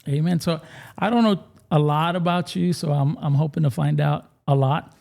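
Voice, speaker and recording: Mellow creaky-voiced pastor host. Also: male voice, a little high, fairly even intonation, normal speed. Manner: affirming and conversational. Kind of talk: interview conversation.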